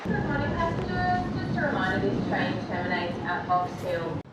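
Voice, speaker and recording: A woman's voice: mid-range voice, moderate pace. A woman making polite, formal announcements over a train intercom. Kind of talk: public announcements. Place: inside a train carriage. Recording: echoey distant loudspeaker with loud train noise.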